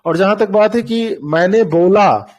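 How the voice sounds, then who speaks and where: Man, high-pitched voice, teacher, online class, patient explanations, repeated examples, call mic. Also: a little slow, darkish tone. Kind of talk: online doubt-clearing class.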